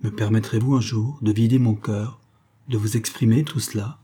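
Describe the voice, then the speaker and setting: A man's voice: on the low side, fairly even intonation, moderate pace, mellow, breathy edge. A man reading an audiobook, voicing an ardent young man who murmurs passionate declarations. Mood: fervent.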